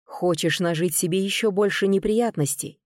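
Calm cold calculating young lord, woman reading him, slow and even, dry close sound. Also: fairly low pitch, dry recording, natural voice. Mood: cool. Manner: calm, measured and unhurried.

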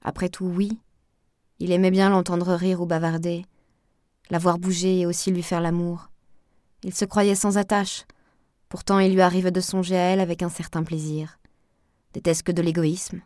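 A woman narrating a novel as an audiobook, in a measured, even storytelling manner. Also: on the low side, no room sound, clean studio sound.

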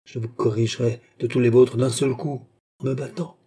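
A man reading an audiobook, voicing a fierce young woman who answers with contemptuous, sharp retorts. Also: mid-range voice, steady tone, normal speed, husky, lightly acted. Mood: scornful. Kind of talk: audiobook character voice.

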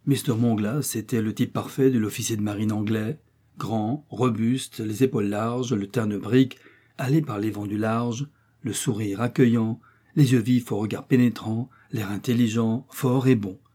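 A man reading a novel aloud as narrator, in a measured, expressive storytelling manner. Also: lowish voice, slightly rough. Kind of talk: audiobook reading.

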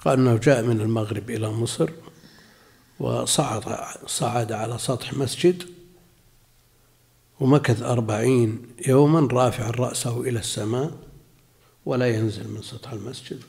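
A man with a gravelly voice explains a religious text to his class. He speaks in a conversational way and drops in rhetorical questions. His voice sits at an ordinary middle pitch. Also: steady tone, normal speed, pauses often, darkish tone. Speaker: religious scholar teaching a class. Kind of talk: lecture commentary on a read text.

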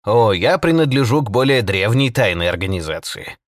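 A man voicing a calm, sly little priest. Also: lowish voice, moderate pace, no echo, studio quality, natural voice. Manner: calm, quietly amused.

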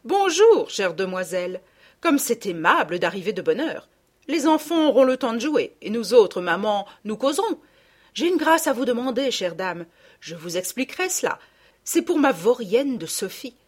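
A woman voicing a stout, bossy stepmother in a storybook reading, with a shrill, loud manner. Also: big pitch swings, moderate pace, husky. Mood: gushing. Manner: shrill, fawning then furious shouting.

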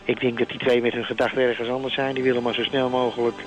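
A man's voice: medium pitch, level tone, fast talker, faint music behind, natural voice, rough recording. A man playing a starstruck, chatty male reporter who rambles on in a comic fake live report. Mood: gushing. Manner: chatty, rambling, self-congratulatory. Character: bumbling, starstruck male reporter at a royal wedding.

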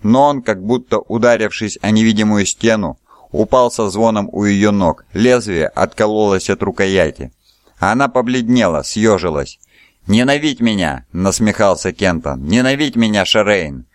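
Male audiobook narrator; low, smooth, measured delivery, dry studio sound. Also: dry recording. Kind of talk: scripted narration.

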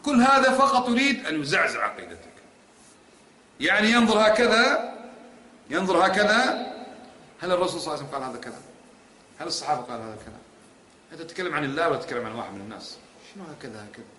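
A man's voice: a little high, very animated, rapid-fire, sharp tone, slight background noise. A man teaching a lesson on creed, pressing his points with emphatic rhetorical questions. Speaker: religious teacher. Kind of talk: lecture on creed. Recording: echoey hall.

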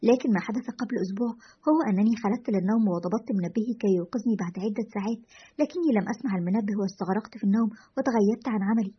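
Woman reading anxious male caller, husky, lo-fi storytelling read. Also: mid-range voice, racing, lightly acted. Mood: uneasy. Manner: confessional, uneasy retelling. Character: anxious man caller, shaken by strange events. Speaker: radio show caller. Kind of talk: storytelling narration. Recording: lo-fi dull audio.

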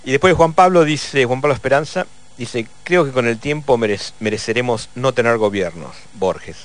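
A man with an Argentine accent hosting a casual radio chat, reading listener messages in a relaxed way with small laughs. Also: medium pitch, moderate pace. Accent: Argentine Spanish. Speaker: radio host.

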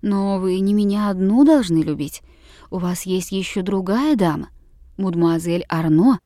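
A woman voicing a gentle, tearful young governess who speaks softly and tenderly in an audiobook. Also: mid-range voice, normal speed, no echo, clean studio sound, close to an everyday voice. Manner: soft, tender, quietly sad. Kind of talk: audiobook character reading.

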